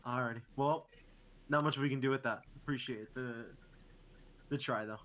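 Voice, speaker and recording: Guy playing a tabletop rpg, talks soft and laid back. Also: mid-range voice, steady tone, normal speed. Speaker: player.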